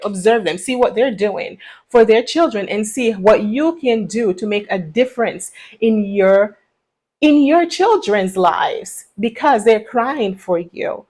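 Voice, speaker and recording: Vlogging from her home, a Jamaican woman speaks earnestly to the camera in a medium-pitched voice. Her manner is preachy and emphatic, and she repeats phrases for stress.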